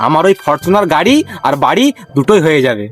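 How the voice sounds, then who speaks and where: A man playing a dim-witted, forgetful village drunk in a broad comedy skit, foolish, excitable and repeating himself. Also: on the high side, fast talker, faint music behind, natural voice. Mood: boastful, foolish. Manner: town-drunk comic, foolish, repetitive, excitable.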